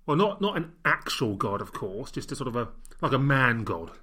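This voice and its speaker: A man's voice: mid-range voice, big pitch swings, normal speed, sharp tone, breathy edge. Playful British podcast co-host, a man. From United Kingdom. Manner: playful, grandiose joking. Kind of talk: casual podcast banter.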